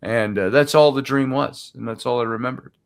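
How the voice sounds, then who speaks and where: A man from the United States co-hosts a casual podcast chat. He tells stories in an unhurried, easygoing way, filling the gaps with ums and uhs. His voice has an ordinary middle pitch for a man. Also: vocal fry. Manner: relaxed storytelling with fillers. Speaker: co-host.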